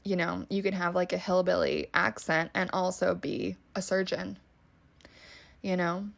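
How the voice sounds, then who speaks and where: A woman's voice: fairly low pitch, fairly even intonation, measured pace, creaky. A woman with a Valley Girl accent, hosting a solo podcast in a casual, emphatic way, swearing freely and saying "like" a lot. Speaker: podcast host.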